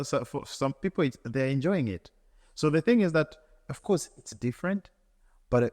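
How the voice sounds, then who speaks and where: A man's voice: mid-range voice, a little mellow, long reverb tail. A man from Tanzania, answering as an interview guest in an earnest, reflective way, often repeating words and restarting.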